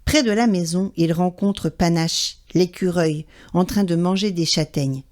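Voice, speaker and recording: A woman telling a children's story aloud in an expressive, animated way. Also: fairly low pitch, unhurried.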